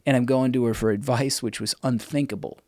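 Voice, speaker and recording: A middle-aged man, an interview guest, telling his personal testimony in a candid, animated way and acting out the dialogue. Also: mid-range voice, brisk, dry recording, studio quality.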